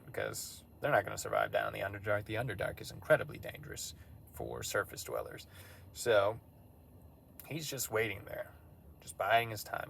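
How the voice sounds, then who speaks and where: Gravelly low-voiced man recapping a game. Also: slight background noise. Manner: relaxed and conversational, with frequent fillers. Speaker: campaign recap narrator. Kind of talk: casual recap of a tabletop game session.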